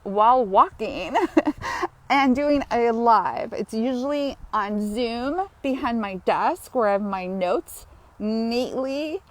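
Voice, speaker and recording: A woman's voice: on the high side, expressive, slow. A woman hosting a live-streamed grief healing session outdoors while walking, talking in a heartfelt, chatty way and often breaking into laughter. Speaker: grief support host.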